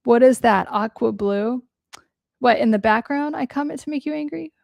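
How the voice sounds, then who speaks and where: A young woman livestreams as a therapist, bluntly answering viewer questions and swearing freely in casual stream talk. Her slightly high, creaky, darkish voice moves at a moderate pace and cracks a little after a long day of talking. There's no echo.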